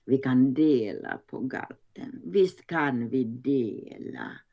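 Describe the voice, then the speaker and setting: A woman voicing a plump, cheeky older woman who tells bawdy stories gleefully in a high, animated voice. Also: highs cut off, full character voice.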